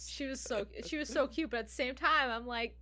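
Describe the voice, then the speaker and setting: A woman co-hosting a podcast in casual chat, animated, laughing often and repeating herself. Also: sits high, brisk. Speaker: podcast co-host.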